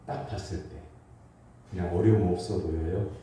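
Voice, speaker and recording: A man's voice: low voice, steady tone, normal speed, warm tone, slight background noise. A male senior pastor giving a Sunday sermon through a face mask, telling stories and asking the congregation questions. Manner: storytelling preacher with rhetorical questions to the congregation. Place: large church sanctuary. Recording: echoey hall, from a distance.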